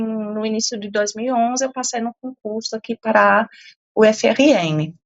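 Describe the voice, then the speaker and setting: Her voice leaning high, a middle-aged woman born in Germany and speaking with a European Portuguese accent responds to an interview about climate science, which she teaches as a professor. She answers thoughtfully but with frequent fillers and restarts, and the audio sounds dull.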